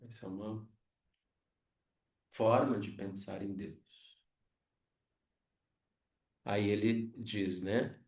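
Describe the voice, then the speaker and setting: A Brazilian man teaching a yoga philosophy class, explaining slowly and checking in with frequent tag questions. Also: on the low side, fairly even intonation, darkish tone. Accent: Brazilian Portuguese. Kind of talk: lecture on scripture. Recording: echoey room, mic far off.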